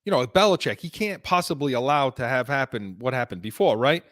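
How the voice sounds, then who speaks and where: Animated man breaking down football plays. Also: medium pitch, brisk, dry recording, clean studio sound. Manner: animated, breaks off and restarts mid-sentence. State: voice worn from illness. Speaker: podcast co-host. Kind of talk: heated sports talk.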